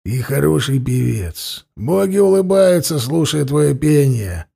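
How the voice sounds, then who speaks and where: A man voicing a grim, menacing warrior who speaks quietly, evenly and without hurry. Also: on the high side, gravelly, breathy edge, full character voice. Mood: cold. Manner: quiet, even and unhurried.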